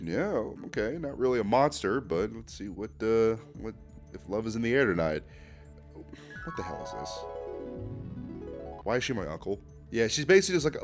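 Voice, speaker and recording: A man with a lowish voice reacts to art in a loose, casual way. His pitch jumps around a lot, and he talks in excited slang, tossing in "dude" again and again. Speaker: YouTube host ranking fan art.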